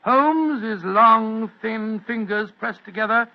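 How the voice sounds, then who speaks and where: An actor playing a kindly, bumbling elderly English doctor, speaking hesitantly in 1940s radio drama style with a British accent. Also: male voice, high voice, takes it slowly. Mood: reminiscing. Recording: muffled old radio broadcast.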